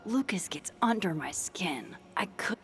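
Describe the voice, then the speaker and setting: A woman's voice: lowish voice, animated, measured pace, fairly bright tone. An actress voicing a sarcastic, guarded young woman in a video game, with dry asides that sometimes drop to a whisper. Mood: wry. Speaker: game protagonist, photography teacher.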